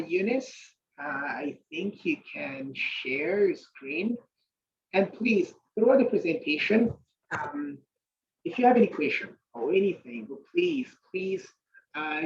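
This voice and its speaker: Gravelly host on a muffled call. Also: medium pitch, slight background noise. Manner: animated, many restarts and fillers. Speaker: host of an online meeting. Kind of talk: hosting a video call meeting. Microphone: video call from a distant computer mic. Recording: muffled distant video call audio.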